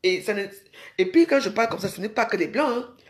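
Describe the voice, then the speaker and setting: A woman's voice: medium pitch, animated, quick pace, echoey room. A woman from Cameroon, rambling casually to her viewers and calling them sisters. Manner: chatty, addresses viewers as sisters. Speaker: vlogger.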